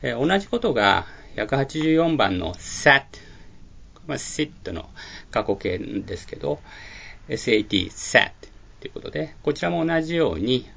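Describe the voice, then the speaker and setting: A man teaching a pronunciation lesson, speaking slowly and carefully, with frequent filler pauses. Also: mid-range voice, vocal fry, husky. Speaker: English teacher. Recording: dull lo-fi recording.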